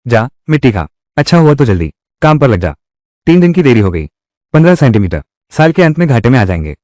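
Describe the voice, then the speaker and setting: A man's voice: mid-range voice, big pitch swings, fast, darkish tone, dry recording, studio quality, close to an everyday voice. A man voicing heated, scolding family quarrels in dubbed drama dialogue. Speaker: voice actor dubbing a village family drama.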